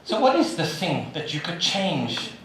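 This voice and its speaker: An older man with a South African accent giving a live motivational talk, firing questions at the audience in an animated way. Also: on the high side, measured pace, slight background noise. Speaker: motivational speaker. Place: large hall with a live audience. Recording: echoey hall, from a distance, audience audible.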